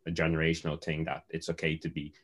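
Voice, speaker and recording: A man's voice: extremely low pitch, completely flat delivery, fast, slightly rough. A young man with a Dublin Irish accent, sharing his story as a guest in a panel chat and hedging often as he talks. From South Dublin, Ireland. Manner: reflective, hedges often with "I guess". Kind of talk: conversational panel discussion.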